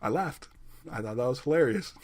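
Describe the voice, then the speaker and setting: A man co-hosts a podcast in casual conversation, his voice medium in pitch and fairly quick. He laughs easily and hesitates from time to time.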